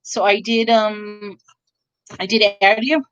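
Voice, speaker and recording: Speaking slowly and steadily in a mid-range voice, a middle-aged woman with a New York accent hosts a reseller livestream and chats casually with viewers. She rambles and corrects herself along the way. The dry recording has its highs cut off.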